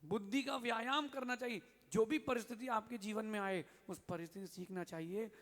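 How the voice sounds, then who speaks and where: High-voiced man preaching in a hall. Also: fairly quick. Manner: lively storyteller acting out dialogue. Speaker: Jain monk preacher. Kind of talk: sermon with storytelling. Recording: long hall reverb.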